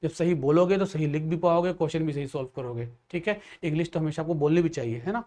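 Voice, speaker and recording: A man's voice: fairly high pitch, fast talker, darkish tone. A man with an Indian accent teaching an English grammar lesson to exam students, explaining patiently and often checking that they follow.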